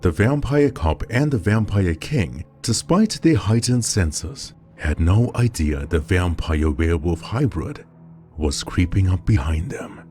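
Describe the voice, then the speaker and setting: A man narrating a scripted horror story as storyteller, with dramatic, expressive delivery. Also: deep voice, measured pace, over music.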